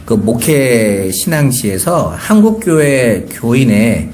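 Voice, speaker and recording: A man's voice: medium pitch, sing-song, slow, darkish tone, a little hiss or hum. A pastor in his forties preaching a Sunday sermon, asking rhetorical questions and rising to emphatic points.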